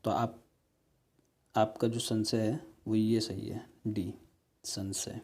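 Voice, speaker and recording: A man's voice: on the low side, little pitch movement, slow pace, mellow. A man teaching an exam-prep spelling lesson, going through questions step by step and asking viewers rhetorical questions. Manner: explains step by step, repeating words and "ठीक है".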